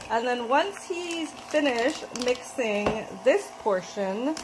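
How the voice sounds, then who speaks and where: A woman's voice: high voice, background noise. A woman filming and narrating a home cooking video in a kitchen, giving encouraging step-by-step guidance and praise. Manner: encouraging, repeats praise between steps.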